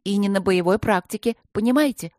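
A brash young dwarf mage girl, as a woman reader puts her on, tipsy and excitable, talking loudly and well above the reader's own pitch. Her words slur a bit, and the sound is dry and close. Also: brisk, no room sound, close to an everyday voice. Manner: high, loud, excitable, slurring.

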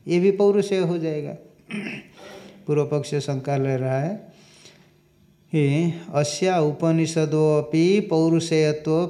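Slow, mellow-voiced man teaching scripture. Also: fairly high pitch. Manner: slow and deliberate, recites Sanskrit and explains it in Hindi; poses questions to the class and answers them. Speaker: Vedanta teacher. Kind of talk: scriptural lecture.

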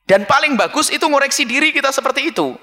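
A man preaching to a live audience and answering their questions, with sharp leaps in pitch. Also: animated, fast. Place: large hall with a live audience. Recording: long hall reverb over a PA.

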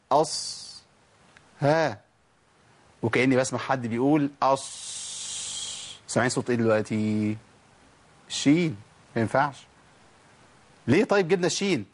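A man's voice: medium pitch, expressive, fast, pauses often, slightly rough. A man with an Egyptian accent teaching Quran recitation rules, asking listeners questions and answering them himself while demonstrating letter sounds. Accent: Egyptian Arabic. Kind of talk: recorded tajweed lesson.

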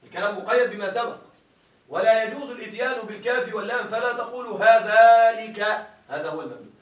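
A man's voice: sits high, expressive, racing, a bit bright, echoey room, far from the mic, rough recording. A male teacher gives a grammar lecture. He reads a classical text aloud, explains it, and keeps checking that his listeners follow.

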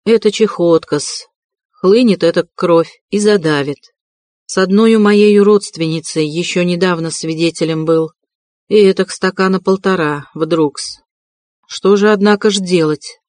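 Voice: medium pitch, a little slow, a little mellow, no room sound, studio quality, close to an everyday voice. A reader voicing a polite, deferential male official in an audiobook reading. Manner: soothing, deferential.

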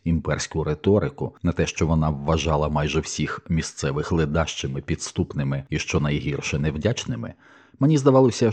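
A man reading a novel aloud as first-person audiobook narration, with a measured, even storytelling delivery. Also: extremely low pitch, husky.

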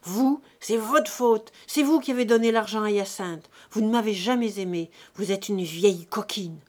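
A woman voicing a furious, greedy grown peasant son who shouts accusations at his aged parents. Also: medium pitch, animated, a little slow, slightly rough, full character voice. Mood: raging.

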